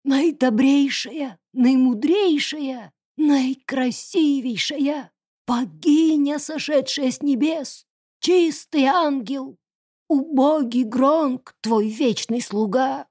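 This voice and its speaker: A woman voicing a grubby male beggar who grovels and wheedles in a whining, drawn-out way. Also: sits high, a little mellow, no echo, clean studio sound. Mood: groveling. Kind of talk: audiobook character voice.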